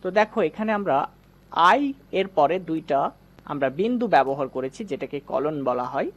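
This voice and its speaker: A teacher giving an online English reading lesson, addressing viewers directly, asking and answering his own questions and repeating vowel sounds for practice. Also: mid-range voice. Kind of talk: online lesson with slide explanation.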